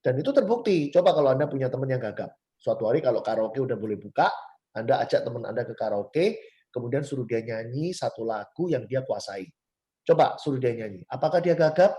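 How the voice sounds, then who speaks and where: A man in his forties from Surabaya shares his life story with viewers. His voice is mellow and warm, and he talks quickly and chattily. He stresses key words with sharp rises and keeps speaking to his listeners directly. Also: mid-range voice, expressive. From Surabaya, Indonesia. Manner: self-described fast, chatty talker. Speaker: motivational speaker. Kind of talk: personal story talk to viewers.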